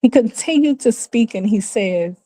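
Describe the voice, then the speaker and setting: A woman's voice: on the high side, expressive, normal speed, warm tone, dry recording, low-quality recording. A woman talking through a casual monologue, emphatic and repeating phrases to drive points home. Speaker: commentary vlogger.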